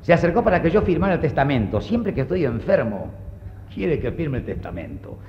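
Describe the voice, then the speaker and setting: A man performing a stand-up comedy monologue in a dry, understated deadpan manner. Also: on the high side, a little fast, lo-fi sound. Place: stage before a live audience. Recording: live show with audience and faint noise.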